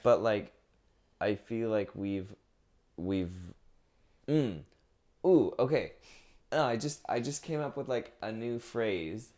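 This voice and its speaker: A man's voice: on the low side, animated, slow pace, long pauses, darkish tone. A young man in casual podcast chat with his partner, rambling with lots of "like" fillers and talking openly about feelings. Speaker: podcast co-host.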